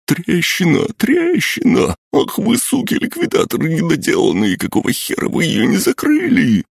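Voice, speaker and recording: A man voicing a cowardly, rude male officer who screams in a high, strained voice. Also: huge pitch swings, moderate pace, creaky, slightly rough, no room sound, studio quality, exaggerated voice. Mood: hysterical. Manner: shrieking, foul-mouthed yelling.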